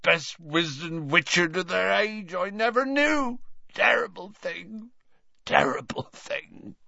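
Man doing a big shaggy drunk, blubbering, slurred, raised pitch, dull lo-fi sound. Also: slow pace, vocal fry, pushed and bright, dry recording, full character voice. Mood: tearful drunk. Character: huge shaggy drunken man, tearful and sentimental.

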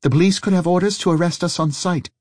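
A man voicing a brisk, secretive woman driver with clipped, old-fashioned phrasing. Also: sits high, darkish tone, no room sound, voice pushed up, close to an everyday voice. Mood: tense, urgent.

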